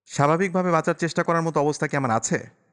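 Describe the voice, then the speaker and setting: A man voicing a harsh, bitter young mother who snaps back with sharp, fast retorts. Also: a little high, clear, resonant tone, pitched above the performer's own voice, lightly acted. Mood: bitter angry. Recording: long reverberant echo.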